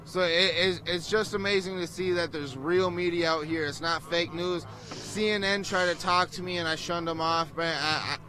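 A man's voice: a little high, fairly even intonation, normal speed, pushed and bright, slight background noise. A man protester in a street interview, choked up, speaking earnestly and emotionally outdoors.

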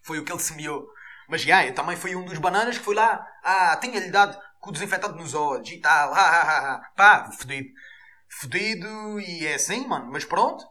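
A man with a European Portuguese accent hosting a podcast, delivering an animated, profane comic rant. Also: high voice, fairly quick. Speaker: podcast host.

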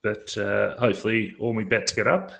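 A man's voice: fairly low pitch, fairly even intonation, moderate pace, creaky, a bit bright. An Australian man hosting a casual betting podcast, talking in a blokey, colloquial way. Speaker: podcast host.

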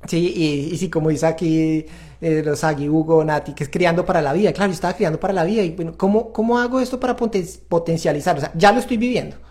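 A man's voice: on the high side, fast talker, darkish tone. Man, parenting host, earnest, confessional, addresses viewers directly. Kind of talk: reflective faith-based parenting talk.

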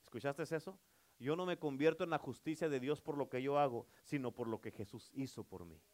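A male pastor preaching a sermon, emphatic, calling for amens and swinging between loud and soft. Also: medium pitch, fairly quick.

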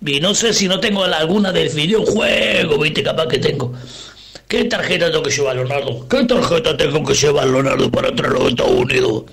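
A man's voice: fairly high pitch, very animated, a little fast, full character voice. A man playing a crude, rambling Argentine bloke stuck on the road, in a comic radio phone-in bit with an Argentine accent. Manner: rambling, swearing, slips into rough shouting.

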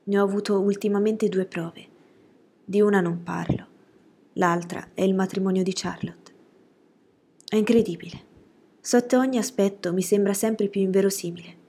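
A woman voicing a frank, sharp-witted young woman, speaking low, hushed and breathy with pointed judgements. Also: fairly even intonation, normal speed, pauses often. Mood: indignant.

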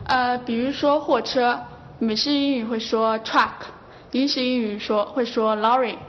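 Higher-voiced woman student answering carefully. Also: fairly even intonation, measured pace, muffled recording, slight background noise. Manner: careful, spells words out. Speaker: adult student. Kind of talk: classroom answer. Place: corporate classroom.

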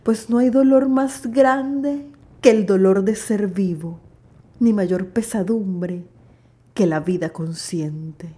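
A woman declaiming poetry in a grand, dramatic, solemn way, with emphatic, drawn-out words. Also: mid-range voice, warm tone. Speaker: poetry podcast host. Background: background music.

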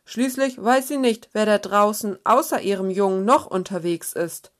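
A woman's voice: mid-range voice, normal speed, lightly acted. A woman voicing a cautious young boy.

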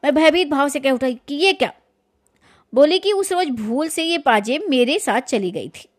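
High-voiced woman reading a story. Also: expressive, moderate pace. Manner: reads dramatically, then comments with fillers. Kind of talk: reading a short story aloud.

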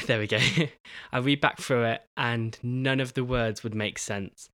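A young man hosting his own podcast in a casual solo talk, halting, with many pauses and restarts. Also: medium pitch, steady tone, pushed and bright, smooth, dry recording, clean studio sound. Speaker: podcast host.

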